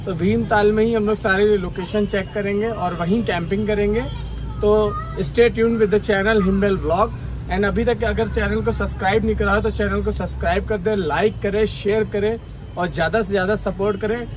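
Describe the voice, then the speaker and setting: Male vlogger, 30s, bright keen narration on a phone camera outdoors; road and engine noise clearly behind. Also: high voice, fairly even intonation, moderate pace. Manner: enthusiastic, points things out to viewers. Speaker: travel vlogger. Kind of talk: casual travel vlog narration. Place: outdoors on hill roads and in a car. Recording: outdoor traffic and wind noise.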